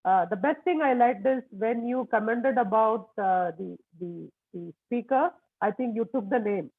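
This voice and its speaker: A speaker acting as general evaluator comes through a tinny, narrow phone-like line. The voice sits at an ordinary middle pitch and halts often, with many fillers, as they give their feedback. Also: measured pace, breathy edge. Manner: hesitant, full of fillers. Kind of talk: meeting evaluation remarks.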